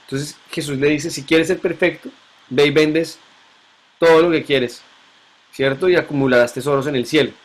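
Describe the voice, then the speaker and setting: A male teacher leads a classroom Bible lesson. His voice sits somewhat high, and he keeps asking his students questions and repeating the key points back to them. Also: fairly even intonation, normal speed.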